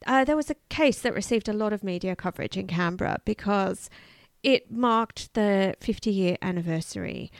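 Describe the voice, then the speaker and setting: An Australian woman co-hosting a podcast, telling a true-crime case in casual, chatty talk with quick asides. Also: mid-range voice, dry recording, studio quality. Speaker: podcast co-host.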